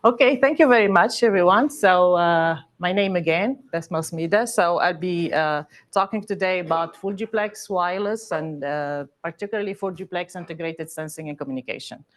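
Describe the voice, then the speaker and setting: Delivering a seminar talk conversationally, this middle-aged associate professor from Tunisia speaks in a voice on the low side. She frequently pauses and uses fillers.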